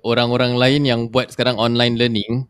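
A middle-aged man with a Singaporean accent co-hosting an informal live-stream chat, explaining things haltingly with repeated words and switching into English. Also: medium pitch, level tone, clean tone, no echo. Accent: Singaporean Malay-speaking. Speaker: co-host presenting online Islamic courses.

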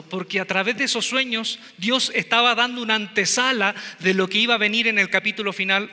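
Bright-voiced preacher in an echoey hall. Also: male voice, high-pitched. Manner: humorous, conversational, addresses the congregation. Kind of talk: sermon.

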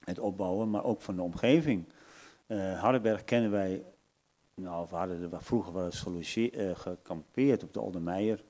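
An older man speaking at his farewell in a church service, halting and searching for words. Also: sits low, dark tone. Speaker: departing church member.

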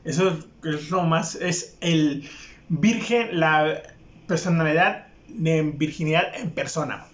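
A young man with a Mexican accent telling a crude personal anecdote in casual, profane, mocking talk. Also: on the high side. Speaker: storyteller. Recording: echoey room, dull lo-fi sound.

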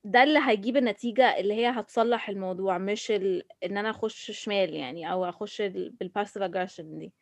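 A woman with an Egyptian accent talking casually about herself, halting and restarting as she switches between Arabic and English. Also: medium pitch, no room sound. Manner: mixes Arabic and English mid-sentence. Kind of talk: casual personal discussion.

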